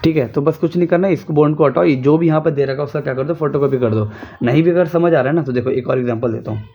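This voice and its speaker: A man's voice: a little high, racing, warm tone, slight background noise. Man teaching chemistry, quizzing himself. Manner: repetitive, drills students with rhetorical questions. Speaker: chemistry tutor. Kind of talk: casual recorded lesson. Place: home.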